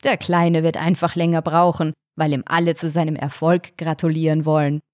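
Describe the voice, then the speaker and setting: A woman's voice: low-pitched, level tone, normal speed, a little mellow, dry recording, clean studio sound, close to an everyday voice. Woman doing a proud, boastful father shark. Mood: proud musing. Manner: gruff, grumbling, self-assured.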